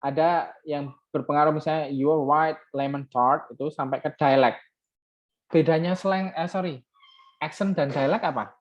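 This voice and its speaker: A man with an Indonesian accent giving a classroom lecture. He switches between Indonesian and English, restarts halting phrases, and quizzes the class. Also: fairly high pitch, steady tone. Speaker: university lecturer. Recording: dull lo-fi recording.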